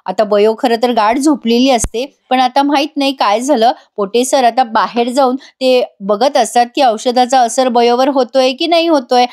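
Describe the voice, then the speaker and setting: A woman's voice: on the high side, moderate pace, hardly any pauses, darkish tone. A woman narrating a voice-over recap of a TV serial, dramatic and talking straight to her viewers. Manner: dramatic, addresses viewers directly. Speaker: TV serial reviewer.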